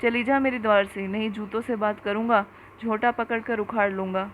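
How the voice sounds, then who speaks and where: A woman reading a story aloud and voicing an angry, rude young village man who shouts insults. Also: mid-range voice, steady tone, normal speed, a little hiss or hum, lightly acted, rough recording.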